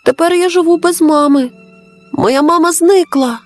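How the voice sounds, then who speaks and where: A woman's voice: very high voice, normal speed, faint music behind, pitched above the performer's own voice. A woman voicing a small boy who misses his mother, speaking in an eager, wistful, childlike way in a storybook.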